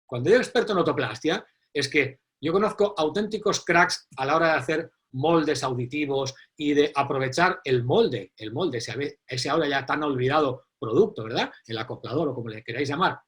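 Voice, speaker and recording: A middle-aged man, hosting an online forum and introducing the next speaker in an animated, emphatic way. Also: on the high side, normal speed. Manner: animated, emphatic, repeats key phrases. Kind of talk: live online event introduction.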